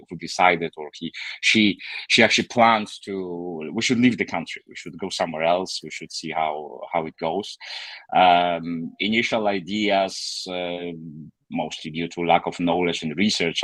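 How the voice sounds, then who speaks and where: A man's voice: sits low, a bit bright, no room sound, rough recording. A man, telling his story as a guest on an online call, hesitant with many fillers and restarts. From Poland. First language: Polish. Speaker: guest author. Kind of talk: casual interview storytelling.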